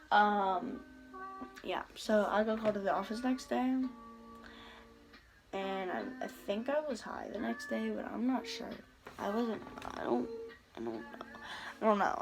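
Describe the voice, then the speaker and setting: A woman's voice: mid-range voice, big pitch swings, takes it slowly, pauses often, over music, poor audio. A teenage girl telling a storytime vlog in rambling casual chat, with heavy "like" fillers and frequent swearing. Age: teens. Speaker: vlogger.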